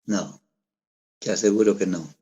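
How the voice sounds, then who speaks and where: A middle-aged pastor from Peru preaches a conversational sermon, putting rhetorical questions to the congregation. His voice is low, dark and slightly rough, and he takes his time.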